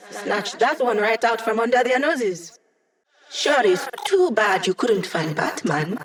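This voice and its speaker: Playing a wry, upbeat hacker who supports a squad's mission in a video game, an actress uses a slightly high voice. She keeps it casual, playful and teasing.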